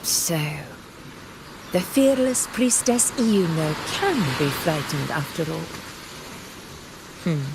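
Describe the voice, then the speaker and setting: Exaggerated and fairly low-pitched, this woman's voice swings widely in pitch as she plays a video game's proud, composed warrior ruler. Her phrasing is grand and measured, with a playful, teasing streak, and there's noise in the background.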